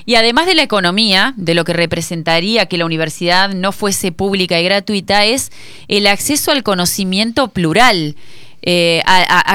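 Locutora argentina de voz clara y brillante. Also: female voice, medium pitch, sharp tone, smooth, no room sound, clean studio sound. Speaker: radio host. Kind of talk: radio interview.

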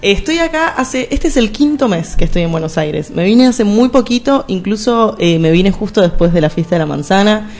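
A young Argentine singer, speaking with an Argentine Spanish accent, chats as a guest on a casual radio interview, rambling with restarts and fillers. Her medium-pitched voice is animated and a little mellow, at a moderate pace with few pauses.

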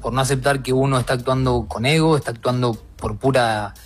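A man's voice: mid-range voice, fairly even intonation, brisk, soft background music. A man with an Argentine accent speaking as a guest in a casual conversation, reflective, with frequent restarts. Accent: Argentine Spanish.

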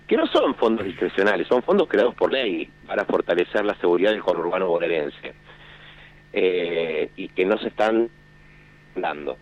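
Low-voiced Argentine official heard over a muffled, breaking-up phone line, slow to find words. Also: male voice, a little mellow. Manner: measured, explanatory, with many hesitations. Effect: choppy phone line that keeps cutting out. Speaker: municipal security official, phoned-in guest.

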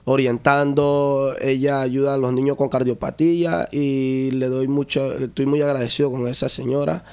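Earnest young Panamanian father, gravelly. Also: mid-range voice, little pitch movement, normal speed, darkish tone. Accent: Panamanian Spanish. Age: young adult. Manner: earnest, hesitant, with restarts. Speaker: father seeking help. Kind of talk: interview.

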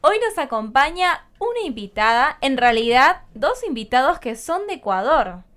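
A woman hosts a travel show and delivers a script like an announcer. Her voice is high, and it rises and falls with lively swings. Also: normal speed. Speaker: host. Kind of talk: scripted presentation.

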